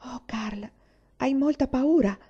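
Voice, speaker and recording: A woman reading aloud, voicing a shy, tender-hearted young girl who speaks softly. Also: a little high, fairly quick, muffled recording, pitched above the performer's own voice, close to an everyday voice.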